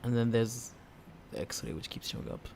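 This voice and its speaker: Gravelly, mellow man murmuring casually. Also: mid-range voice, normal speed. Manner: hesitant, thinking aloud while browsing. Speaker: host of a live stream. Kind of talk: casual live-stream commentary. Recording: clear background noise.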